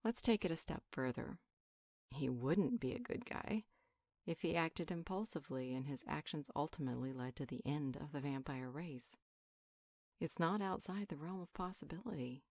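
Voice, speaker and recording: This conversational roleplay monologue, one side of a dialogue, features a woman as a calm female healer in a fantasy setting, sympathetic yet firm. She speaks low and measured, reasoning and reassuring as she counsels. The recording is dry and close, with no echo and practically no room.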